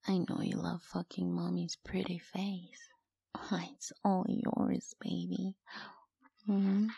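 A woman whispering close to the mic in a slow, cooing voice that is breathy with a gravelly edge. Her tone sits low and mellow, with little rise and fall, and the sound is dry and close. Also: level tone, no room sound. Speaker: audio roleplay performer. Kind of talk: whispered intimate audio roleplay.

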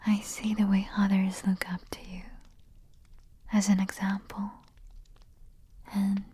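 Very slow whispering woman, breathy. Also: medium pitch, little pitch movement, no echo. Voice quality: soft whisper. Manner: slow, soothing and intimate. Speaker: ASMR performer. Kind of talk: whispered ASMR roleplay as a queen.

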